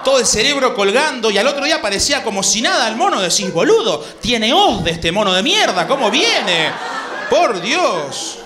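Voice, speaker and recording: Animated Rioplatense stand-up comedian. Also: male voice, very high-pitched, normal speed, a crowd in the background, noisy background. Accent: Rioplatense Spanish. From Argentina. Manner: animated, slangy, acts out voices. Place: comedy club stage. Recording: live club with audience laughter.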